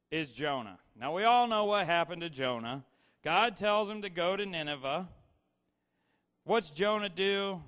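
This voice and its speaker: A man's voice: fairly high pitch, fairly bright tone. A man preaching a casual, storytelling sermon, asking the audience questions and saying "you know" a lot. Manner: filler-heavy, repeats "you know". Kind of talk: conversational sermon. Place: large hall with slides. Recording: long hall reverb.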